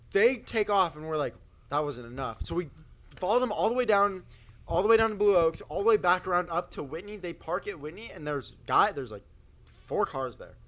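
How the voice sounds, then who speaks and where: A young American man co-hosting a podcast tells anecdotes casually among friends in a slangy, boyish style. His voice sits high, pushed and bright, captured on a stick microphone.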